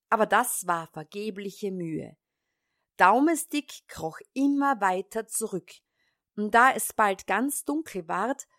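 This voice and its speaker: A woman reads a fairy tale in a calm, measured way. She takes her time with every phrase, unhurried throughout. The voice is close and dry with no room around it. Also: mid-range voice, no room sound. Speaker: storyteller.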